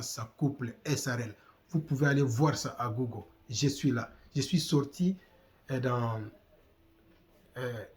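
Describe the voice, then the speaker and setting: Congolese-accented male commentator, slightly high voice, preachy and repetitive, fires off rhetorical questions. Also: darkish tone. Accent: Congolese French. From Democratic Republic of the Congo. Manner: exhorting, rhetorical questions, repeats himself. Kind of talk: impassioned commentary.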